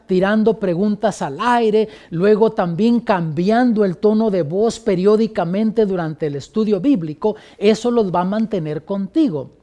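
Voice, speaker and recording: A man, a pastor, teaching a training lesson on how to lead Bible studies, instructive and varying his loudness with pauses. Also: high-pitched.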